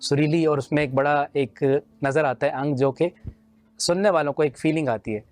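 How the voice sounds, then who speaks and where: A man judging a naat recitation contest, explaining in a teacherly way with simple everyday examples. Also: a little high. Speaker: naat competition judge. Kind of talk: judging feedback.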